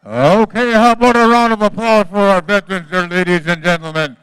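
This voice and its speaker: A man's voice: high voice, brisk, a bit bright, clear, resonant tone, no room sound, poor audio. A man working as a powwow emcee, announcing live in a folksy, informal manner. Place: powwow at a casino event, over a PA.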